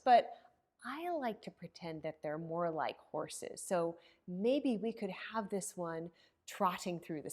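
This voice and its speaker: With a fairly high voice, a woman librarian runs an interactive children's story time, sing-song and expressive, posing questions and leaving pauses for replies.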